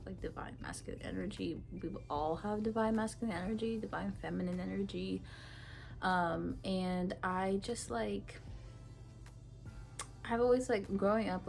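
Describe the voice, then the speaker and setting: Talking to camera, an Ethiopian tarot reader delivers a casual reading, frank and chatty and full of fillers. She has a fairly low, creaky voice.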